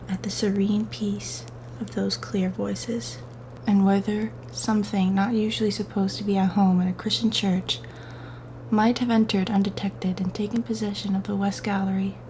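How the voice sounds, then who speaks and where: A woman reading gothic horror stories aloud for ASMR in a hushed, breathy whisper, with slow, deliberate, drawn-out phrasing and pauses. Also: medium pitch, slight background noise, low-quality recording.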